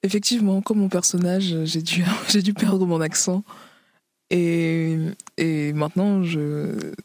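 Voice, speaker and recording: Invitée autrice, femme, parole hésitante pleine de « euh », son sec et proche. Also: female voice, lowish voice, fairly even intonation, slow, a little mellow, dry recording. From Paris region, France. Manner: hesitant, many fillers, frequent laughs. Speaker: author guest. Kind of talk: interview conversation.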